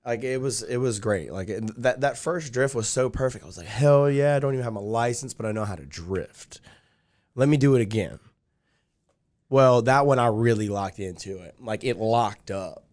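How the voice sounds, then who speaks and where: Young dude rambling through a story, like, dude, mid pitch, relaxed chat. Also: male voice, moderate pace. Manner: rambling, many fillers like "like" and "dude". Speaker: podcast guest. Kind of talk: casual storytelling.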